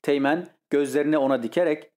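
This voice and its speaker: A man narrating a classic short story as an audiobook in a steady storytelling delivery. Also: a little high, quick pace. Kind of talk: scripted literary narration.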